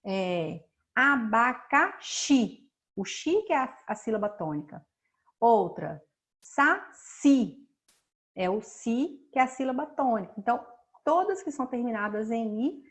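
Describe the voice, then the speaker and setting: A woman teaching a recorded class in a patient, explanatory way. Her voice sits a little high. She stretches words out slowly so pupils hear which syllable is stressed. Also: expressive, darkish tone. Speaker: schoolteacher. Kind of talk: recorded remote class lesson.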